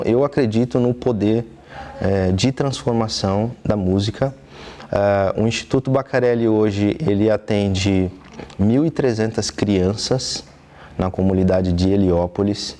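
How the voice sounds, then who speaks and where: A young trumpeter from southeastern Brazil, speaking with a Brazilian Portuguese accent, answers interview questions in a TV studio. His voice is fairly low and a little mellow, and he comes across as earnest and thoughtful, pausing often with hesitation fillers.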